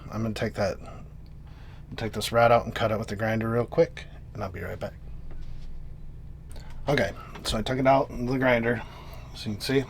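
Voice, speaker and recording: A man doing casual hands-on DIY narration inside a small trailer, thinking aloud informally as he works. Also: lowish voice. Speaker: DIY vlogger. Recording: noisy, vehicle-like hum behind voice.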